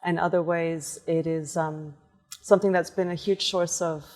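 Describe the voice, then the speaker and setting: Low-voiced woman artist telling stories. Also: moderate pace, big-room sound. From born in Portugal, raised in several countries. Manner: lively anecdotal storyteller. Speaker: artist and environmentalist guest. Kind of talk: conversational storytelling.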